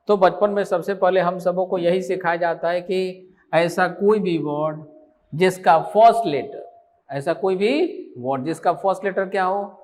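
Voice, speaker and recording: A man's voice: fairly high pitch, a little mellow. A man teaching an online exam-prep grammar lesson, asking his students question after question and answering them himself.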